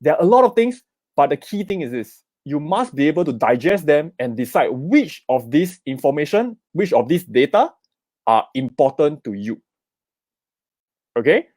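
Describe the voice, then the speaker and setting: His fairly high, slightly mellow voice swings widely in pitch at a normal speed as this middle-aged Singaporean-accented man gives a live investment seminar online at a summit. He often asks "okay?" and "right?" and pushes viewers to comment, with no echo in the audio.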